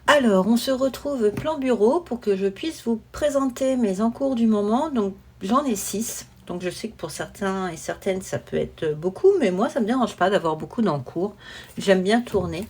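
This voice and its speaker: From her desk at home, a woman presents her coloring projects in a hobby vlog, chatting informally and easygoingly. Her mid-range voice is expressive, darkish and breathy-edged, at a normal speed. The home recording is noisy, with clicks.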